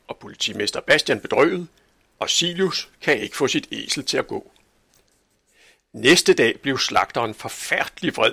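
A man narrating a children's storybook aloud with a lively, expressive delivery. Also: medium pitch, vocal fry, breathy edge, no echo. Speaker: audiobook narrator.

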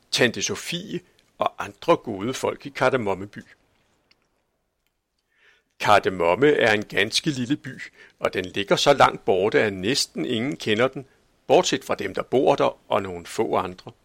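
A man reads a children's story aloud in calm, measured audiobook narration. His mid-range voice has a gravelly texture, and the recording is dry and close. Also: medium pitch, no echo.

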